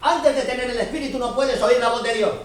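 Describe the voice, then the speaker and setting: High-voiced preacher, echoey hall. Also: male voice, fast talker. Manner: earnest teaching, checks the listeners often understand. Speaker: Bible teacher. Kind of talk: Bible teaching to a congregation. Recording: very echoey room, distant mic.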